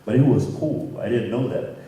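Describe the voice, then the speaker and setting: A man's voice: medium pitch, normal speed, warm tone. A man in his thirties from Somalia with a Somali accent, telling stories animatedly on stage and laughing often as he acts out voices. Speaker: keynote guest musician. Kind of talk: onstage interview storytelling. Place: conference hall stage. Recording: roomy hall sound from far off, faint noise.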